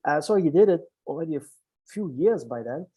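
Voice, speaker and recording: A man's voice: fairly high pitch, lively intonation, fairly quick, dark tone, breathy edge. A middle-aged man from Belgium, a guest in an interview, speaking casually with frequent restarts. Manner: hesitant, many restarts and fillers, laughs easily. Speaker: guest, hospital clown and coach.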